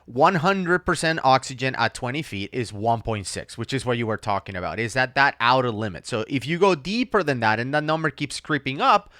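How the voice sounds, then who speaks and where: A man's voice: mid-range voice, animated, brisk, few pauses, pushed and bright, dry recording, studio quality. A man giving casual reaction video commentary as a diver, explaining technical details.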